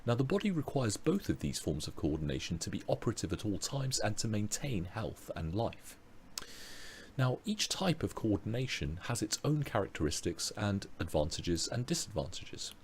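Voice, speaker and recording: A British man teaching a biology revision webinar, explaining step by step with fillers and restarts, his voice going hoarse. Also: fairly low pitch, big pitch swings, moderate pace, slight background noise. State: losing his voice. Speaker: biology tutor. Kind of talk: online revision lecture.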